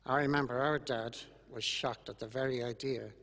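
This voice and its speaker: An older man with an Irish accent gives a funeral eulogy in a solemn, measured way, with grieving gratitude. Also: medium pitch, fairly even intonation, a bit bright. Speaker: eulogist speaking about his late brother. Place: large church, over a microphone to congregation and webcam. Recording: echoey church with long reverb.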